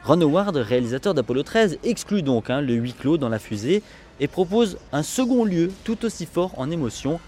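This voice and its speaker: A man's voice: a little high, sing-song, moderate pace, darkish tone, faint music behind. Man narrating, didactic and wry. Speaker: narrator of a film essay. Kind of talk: scripted narration, film analysis.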